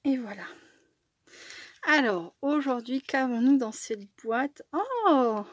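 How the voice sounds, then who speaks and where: Brief: woman vlogger, chatty crafting unboxing, fairly high voice, dry close sound. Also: very animated, slow, dry recording. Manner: chatty, many fillers, frequent small laughs. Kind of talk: casual unboxing and crafting chat.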